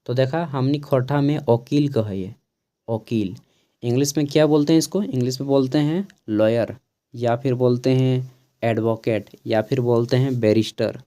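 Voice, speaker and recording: A man with a Khortha-inflected Hindi accent teaching an exam-prep lesson, explaining slowly and often checking with a quick "okay". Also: medium pitch, mellow.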